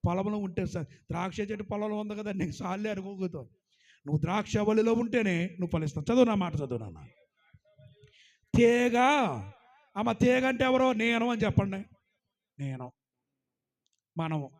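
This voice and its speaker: A male pastor preaching a sermon, calling on the congregation to praise loudly, booming on scripture and quieting for stories. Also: expressive, normal speed, pauses often. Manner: surges loud on scripture, drops low and quiet for anecdotes.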